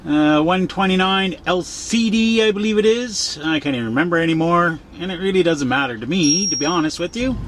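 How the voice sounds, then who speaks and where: A Canadian trucker vlogger with a high, animated voice talks briskly with barely a pause, explaining things in a folksy, rambling way and repeating himself for emphasis. Vehicle and outdoor noise come through clearly.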